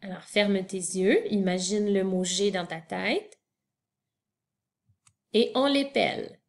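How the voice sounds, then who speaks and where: A woman's voice: medium pitch, slow, gravelly. A woman teacher giving a spelling lesson to young children, spelling words out letter by letter and talking directly to the child.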